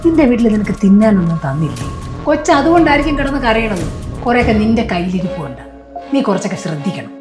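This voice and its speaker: A woman's voice: medium pitch, big pitch swings, quick pace, music in the background, lightly acted. An actress in a short film drama, playing a scolding, domineering middle-aged mother-in-law. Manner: scolding, nagging.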